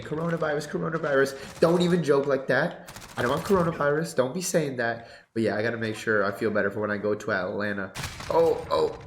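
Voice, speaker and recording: A congested young man at his home gaming setup, a competitive gaming YouTuber, speaks in a medium-pitched voice through a headset boom mic. He casually explains his game settings and commentates gameplay, laid-back yet breaking into excited bursts. There's reverb and a little hiss or hum.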